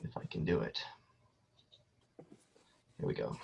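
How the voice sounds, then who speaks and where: A lawyer for an applicant addresses a board with a formal statement, his delivery measured and orderly though peppered with ums. He's on a landline, and his slightly mellow male voice comes through a muffled, lo-fi line.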